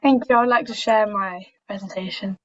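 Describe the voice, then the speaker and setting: A woman's voice: medium pitch, fairly even intonation, a little fast, fairly bright tone. A woman giving a chatty, joking presentation over a video call, with an upbeat, self-deprecating manner. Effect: heard over a video call. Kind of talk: casual presentation with jokes. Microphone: computer mic on a video call. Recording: muffled video-call audio.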